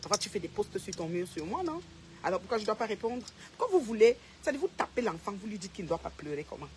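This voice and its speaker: A very animated, fast-talking woman with a mid-range voice faces the camera and rants. Known as a social media personality, she names her rival, speaks to her directly, and keeps repeating her points with confrontational emphasis, while slight background noise is audible.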